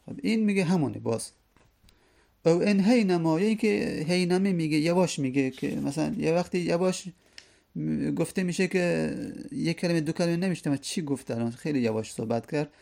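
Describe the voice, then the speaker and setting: A man teaching a lesson, who reads classical verses slowly and then explains them at length. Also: on the high side, vocal fry, warm tone. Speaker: teacher of hadith studies.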